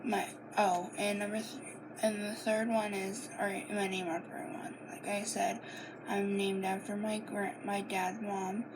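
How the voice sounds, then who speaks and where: A young woman from Maine talks slowly through a personal question list, hesitating and restarting as she goes. Her voice sits at an ordinary middle pitch. A clear hiss of background noise runs under the home recording. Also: flat delivery. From Maine, United States. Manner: halting, many fillers and restarts, reading questions aloud. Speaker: vlogger answering questions. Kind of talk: casual Q and A monologue.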